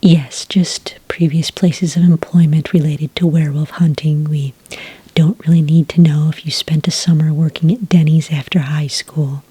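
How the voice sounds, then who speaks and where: Playing a patient, friendly licensing clerk, a woman murmurs gently in a low, breathy near-whisper for an ASMR roleplay. The close, dry recording captures her steady tone and calm, unhurried, courteously official way of speaking.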